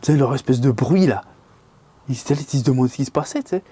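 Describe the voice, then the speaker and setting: A man's voice: medium pitch, expressive, fast talker, mellow, a little hiss or hum. A man casually telling a scary fishing-trip anecdote, rambling and colloquial with lots of fillers, sometimes dropping to a whisper. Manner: drops to whispers at tense moments. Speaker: angler telling a story.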